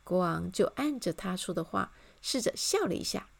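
A woman's voice: on the low side, moderate pace, gravelly. A woman narrating a children's story and speaking to young listeners. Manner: warm, expressive, addresses children.

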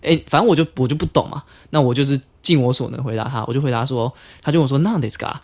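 A man's voice: medium pitch, rapid-fire. A man with a Taiwanese Mandarin accent, co-hosting a podcast and telling a funny story in casual chat, laughing often. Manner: animated, laughs a lot while telling a story. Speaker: podcast co-host.

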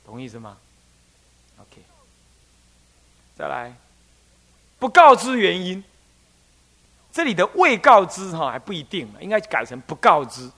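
Lively male abbot giving a parenting talk. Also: sits high, measured pace, pauses often. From Taiwan. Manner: conversational, acts out parent-child dialogues, frequent "懂我意思吗" check-ins. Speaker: Buddhist abbot teaching parents. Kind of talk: casual Dharma talk on parenting.

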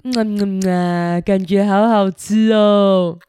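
A boastful, giggly little boy heading off to kindergarten, voiced by a woman reading a picture book aloud. He chats playfully and directly with the children listening. The voice sits at a middle pitch, and the sound is close and dry. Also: fairly even intonation, slow, mellow, clear, resonant tone, no echo, close to an everyday voice. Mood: cheerful, boastful. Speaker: storybook reader.

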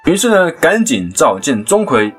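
A man's voice: fairly high pitch, slightly rough, soft background music. A man with a Taiwanese Mandarin accent, hosting a podcast and chattily retelling a legend with asides. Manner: chatty, animated retelling with quick asides and laughs. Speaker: podcast host, storyteller. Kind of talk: casual storytelling podcast.

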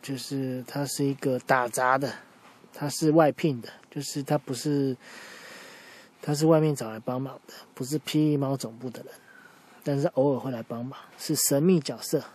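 Man, storyteller, children's story, patient, explaining, middle-pitched. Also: fairly even intonation, normal speed, a little mellow.

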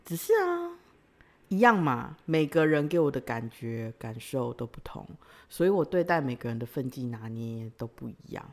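A woman's voice: extremely low pitch, sing-song, moderate pace. A young woman, hosting a podcast and telling a personal story in a playful, teasing way with frequent giggles. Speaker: podcast host.

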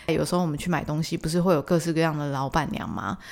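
A woman hosts a podcast and tells an everyday story in a casual, animated way. She laughs as she recounts it and acts out the people in it. Her voice sits a little low. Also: quick pace, creaky. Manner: animated, quoting others in lively bursts. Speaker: podcast host.

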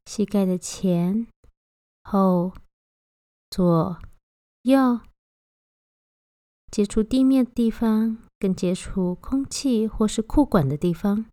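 A woman guiding a body-scan meditation, giving gentle, unhurried instructions with long pauses between phrases. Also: mid-range voice, no echo, studio quality. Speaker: meditation guide.

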